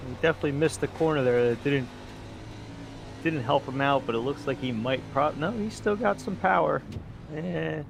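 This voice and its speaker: A man commentating a sim racing broadcast, rattling off finishing results quickly. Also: on the high side, vocal fry, noisy background. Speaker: race commentator.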